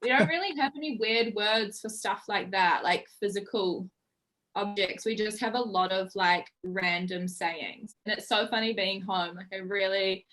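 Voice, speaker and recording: A young woman with a strong New Zealand accent chats casually as a podcast guest. Her voice is bright and forceful, and she laughs easily and fills her talk with "like". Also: mid-range voice, normal speed, low-quality recording. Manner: chatty, laughs often, leans on "like". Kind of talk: casual interview chat.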